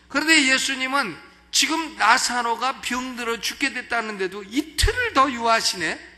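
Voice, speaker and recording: Male pastor, sermon, high voice, gravelly, acts out quoted voices, long church reverb. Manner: animated, acts out quoted voices, asks the congregation questions. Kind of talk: expository sermon. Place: church, Wednesday service.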